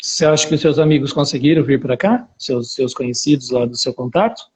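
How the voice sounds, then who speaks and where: Speaking in a mid-range, husky voice with a darkish tone and a brisk pace, this man recounts his own story casually. He is about forty, chatty, and an academic researcher being interviewed over a live video call, with an interior São Paulo Brazilian Portuguese accent.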